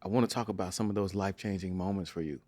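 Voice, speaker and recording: A man hosting a podcast, earnest and reflective, quick to laugh with his guest. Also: low voice, steady tone, darkish tone, no echo. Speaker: podcast host. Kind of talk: reflective interview chat.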